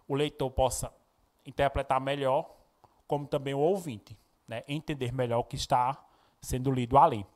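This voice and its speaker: A man from Pernambuco teaching a recorded Portuguese lesson, explaining punctuation and reading poems aloud with expressive intonation. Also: medium pitch. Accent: Brazilian Portuguese, Pernambuco. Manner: explanatory, frequent tag questions, expressive when reading poems.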